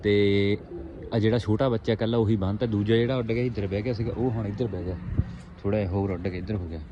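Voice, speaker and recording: Here a pigeon keeper talks quickly in a steady, lowish voice, and the audio is lo-fi. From a rooftop at his home, he chats to viewers like mates in a rustic vlog, with birds and outdoor ambience behind.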